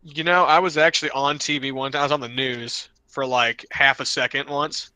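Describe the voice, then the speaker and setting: A man's voice: medium pitch, fairly even intonation, moderate pace, bright, forceful tone, clean tone, dry recording. A man co-hosting a podcast, telling a long rambling story in casual chat and often restarting his sentences. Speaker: podcast co-host.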